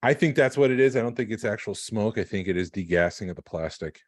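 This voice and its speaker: A man's voice: on the low side, animated, quick pace, no echo, studio quality. A man co-hosting a collecting podcast in casual chat, explaining things in a matter-of-fact way. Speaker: podcast co-host.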